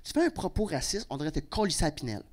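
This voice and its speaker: A young Québécois man doing a stand-up comedy set. He is brash and profane and breaks into sudden loud outbursts. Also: a little high, huge pitch swings, fast talker. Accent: Québécois French. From Quebec. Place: comedy club stage with a live audience.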